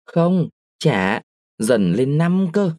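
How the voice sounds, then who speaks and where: A man's voice: medium pitch, expressive, moderate pace, a little mellow, no room sound, studio quality, close to an everyday voice. A man voicing a pampered small boy who coaxes and pleads in a babyish way. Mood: wheedling.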